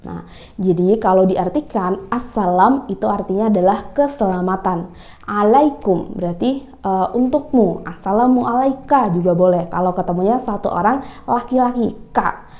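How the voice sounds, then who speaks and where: A woman's voice: medium pitch, normal speed, darkish tone, dull audio. A woman teaching Arabic greetings in a casual video lesson, chatty and full of little fillers. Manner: chatty, explains with many "nah" and "kayak gitu" fillers.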